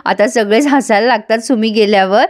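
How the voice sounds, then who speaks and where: A woman narrating a recap of a TV serial episode, speaking briskly and addressing the viewers directly. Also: on the high side.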